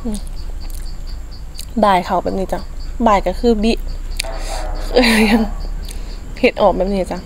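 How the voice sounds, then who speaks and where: A woman with an Isan accent chatting casually as she eats in a food vlog, using soft polite particles. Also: medium pitch, fairly even intonation, slow pace, long pauses, noisy background. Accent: Isan (Northeastern Thai). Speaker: food vlogger.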